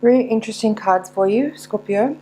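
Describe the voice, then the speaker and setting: A woman giving a mystical horoscope tarot reading, unscripted, in a searching, halting manner with repeated words. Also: fairly high pitch, dark tone, poor audio. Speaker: tarot reader.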